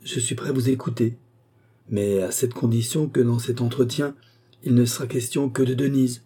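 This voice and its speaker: A man reading as a frail old marquis, weary and curt. The dark, husky voice sounds tired and stern. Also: mid-range voice, steady tone, normal speed, close to an everyday voice.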